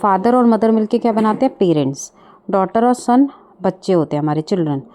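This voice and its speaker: A woman's voice: medium pitch, animated, fairly quick, a crowd in the background. A woman teaching English words, explaining step by step and asking the listener questions. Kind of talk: bilingual vocabulary lesson.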